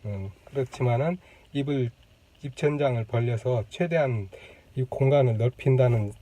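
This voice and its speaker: A man hosting his own channel, explaining a topic casually to the camera with many pauses and fillers, demonstrating sounds as he goes. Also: mid-range voice, warm tone, slightly rough. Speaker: channel host. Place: indoors on a lunch break. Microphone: camera mic.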